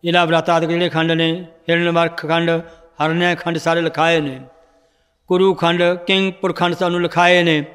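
A man's voice: fairly high pitch, flat delivery, moderate pace, fairly bright tone, smooth. A man teaching a scripture lesson, telling a story and explaining verses to his students, in a reverberant hall. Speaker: religious teacher.

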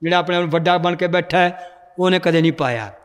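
A male religious teacher explains verses and tells stories to his class. His voice is high and smooth, with a resonant clarity. A long reverb rings through the hall around him. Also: fast talker. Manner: explanatory, storytelling, corrects students' recitation. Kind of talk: scripture lesson with storytelling.

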